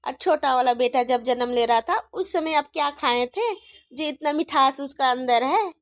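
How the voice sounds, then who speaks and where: A woman's voice: high voice, normal speed, no room sound, natural voice. Woman voicing a chatty young daughter-in-law. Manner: chatty, earnest.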